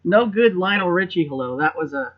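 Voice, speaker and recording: A man's voice: high-pitched, lively intonation, brisk, lo-fi sound. Rambling, reflective male podcast host. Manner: rambling, reflective, repeats words while thinking. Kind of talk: casual podcast chat.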